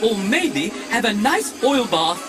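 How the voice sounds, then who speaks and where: A male actor plays a fussy, scrambled, recklessly giddy humanoid droid in an audio drama, performing theatrically over music. His voice is high and very animated, with an exaggerated delivery that takes its time.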